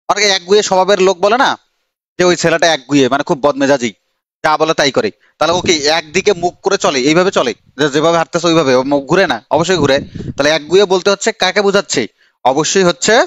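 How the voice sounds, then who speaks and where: Male coaching teacher, fast chatty delivery, slightly high voice, dry close sound. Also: fairly bright tone, dry recording. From Bangladesh. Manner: chatty, teasing, calls on students by name. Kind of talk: live online grammar class.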